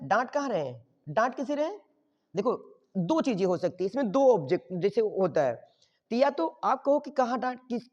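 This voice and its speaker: Male tutor, quizzing style, keeps checking the class understands; recorded dull with a long reverb tail. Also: high voice. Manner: quizzes the class and answers his own questions; checks in with "okay?" after each step. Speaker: teacher. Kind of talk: grammar lesson.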